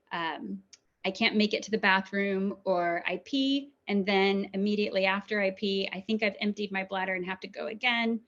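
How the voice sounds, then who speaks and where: Woman urologist, webinar presenter, easygoing and chatty, slightly dull lo-fi call audio. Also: medium pitch. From New Zealand. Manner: warm, conversational, frequent ums. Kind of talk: webinar health talk.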